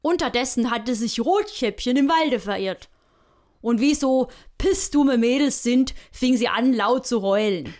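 A woman telling a cheeky, bawdy version of a fairy tale in the manner of an old sailor's yarn. Her voice sits a little high, and she rambles along heartily, with asides to her listeners. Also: expressive, measured pace, darkish tone. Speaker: storyteller.

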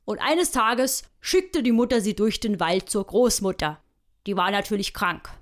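A woman's voice: mid-range voice, a little slow. A woman telling a bawdy comic fairy tale in a hearty, rambling, folksy yarn style. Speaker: storyteller.

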